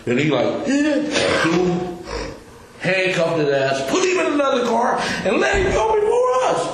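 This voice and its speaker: A man in a recorded police interrogation, telling his story with profane street slang and lively retelling. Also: very high voice, normal speed, a little hiss or hum. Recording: echoey room on a distant recorder.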